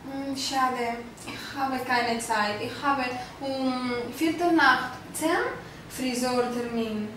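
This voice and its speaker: A woman works through a classroom role-play in a slightly high voice, taking her time over each beginner phrase. She sounds far from the mic in a very echoey room with faint background noise. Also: takes it slowly, fairly bright tone. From Barcelona, Spain. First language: Spanish and Catalan. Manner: careful, hesitant beginner phrasing. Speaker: German language student.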